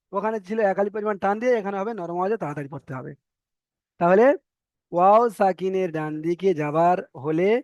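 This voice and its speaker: A man teaching an online reading class, sounding out letters slowly and repeating them for his students. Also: high voice, darkish tone, no echo. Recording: dry, slightly muffled online class audio.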